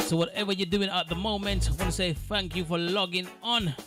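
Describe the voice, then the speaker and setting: A man's voice: high voice, fairly even intonation, brisk, loud music behind the voice. A man hosting a live radio interview, friendly and chatty, with many fillers and repeated thanks. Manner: friendly, repeats himself, lots of fillers and big-ups. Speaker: radio show host.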